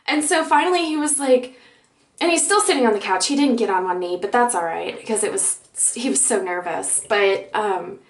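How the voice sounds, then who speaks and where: A young woman vlogger excitedly telling a personal story, giggly and bubbly, acting out both sides of a conversation. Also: a little high. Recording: echoey room.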